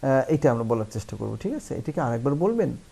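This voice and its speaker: Gravelly-voiced man teaching English. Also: medium pitch, sing-song, mellow. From Bangladesh. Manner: explains slowly, reads English phrases carefully, asks "right?" often. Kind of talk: spoken language lesson.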